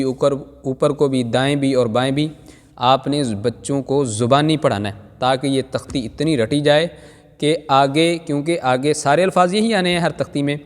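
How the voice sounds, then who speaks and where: A man teaching Quran reading, drawing out each Arabic letter slowly and then explaining patiently to parents, with much repetition. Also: mid-range voice. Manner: slow, drawn-out recitation of Arabic letters. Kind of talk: Noorani Qaida recitation lesson. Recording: hall reverb.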